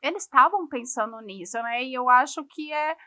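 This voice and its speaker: A Brazilian woman with a high, bright voice tells a story in casual podcast talk, acting out each person's lines. She laughs often. The sound is dry and close. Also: normal speed, no room sound. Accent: Brazilian Portuguese. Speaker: podcast guest. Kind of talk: casual chat.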